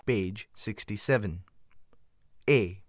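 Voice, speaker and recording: Slow, clear male course narrator. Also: on the low side. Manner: clear, instructive. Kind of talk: scripted textbook instructions.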